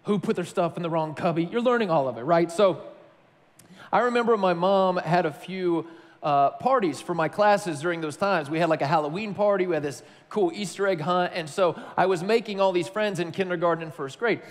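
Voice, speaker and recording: A man from Tennessee preaching a sermon, telling a personal story in a conversational, animated way. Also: sits high, fairly quick, in a large hall. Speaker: pastor.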